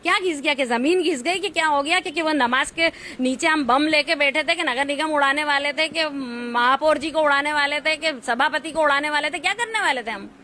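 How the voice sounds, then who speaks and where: Woman, indignant, rhetorical, sharp, faint street noise. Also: sits high, fairly quick, hardly any pauses. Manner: defiant, rhetorical questions, emphatic. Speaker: interviewee. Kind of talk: indignant street interview answers.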